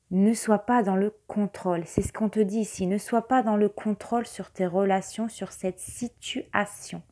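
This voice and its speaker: Soft, mellow-voiced woman giving spiritual guidance. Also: medium pitch. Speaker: tarot card reader and guide. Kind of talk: soft-spoken spiritual card reading and guided meditation.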